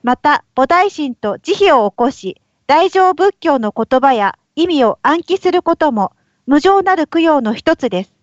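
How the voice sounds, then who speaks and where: A woman reading a text aloud with careful, measured phrasing, heard over an online call with a choppy connection. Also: sits high, sing-song, no echo. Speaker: participant reading aloud in a study group. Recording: lo-fi call audio.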